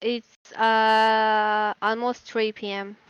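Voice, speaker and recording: A woman from Chile with a Chilean Spanish accent, a guest in a casual interview, speaking softly and hesitantly as she searches for words in English. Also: fairly high pitch, flat delivery, very slow, clear, resonant tone, dry recording, dull audio. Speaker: guest artist.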